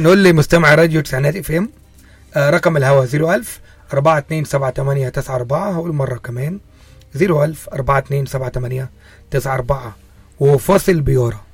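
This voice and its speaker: A man's voice: on the high side, racing. A man with an Egyptian Arabic accent hosting a casual radio interview. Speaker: radio host.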